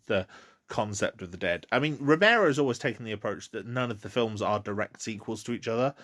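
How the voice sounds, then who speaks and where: Low-voiced man rambling through film commentary. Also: fairly bright tone. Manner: rambling, many ums and restarts. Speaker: podcast host. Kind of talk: casual solo film commentary.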